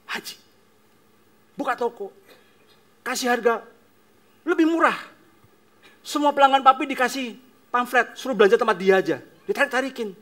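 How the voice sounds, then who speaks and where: A man's voice: very high-pitched, fairly bright tone, voice pushed up. A preacher voicing a worried middle-aged shopkeeper father who complains anxiously about a rival store.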